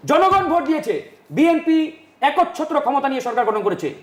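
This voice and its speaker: Male panel guest, very high voice, fast, combative debater in an echoey studio. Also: sing-song. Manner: forceful, insistent, talks over the host. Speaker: talk show guest. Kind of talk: heated political debate.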